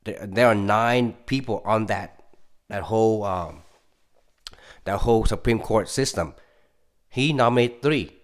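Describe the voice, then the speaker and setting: A man's voice: on the low side, unhurried, long pauses. Guy from california ranting about politics, lots of restarts, gets heated and pushy. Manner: rambling, with frequent restarts and stammers. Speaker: political commentary YouTuber. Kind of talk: casual opinion monologue.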